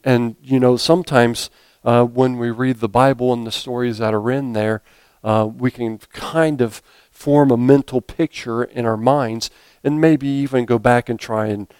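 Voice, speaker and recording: A man's voice: lowish voice, darkish tone, dry recording. A man preaching a sermon as a pastor, talking conversationally with frequent fillers and self-corrections.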